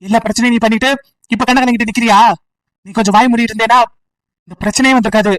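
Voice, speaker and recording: A woman's voice: a little high, steady tone, racing, no room sound, recorded from a distance, pitched below the performer's own voice, close to an everyday voice. A woman voicing a stubborn, bitter young village man of 28 who refuses marriage and talks curtly and threateningly. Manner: curt, threatening, sulky.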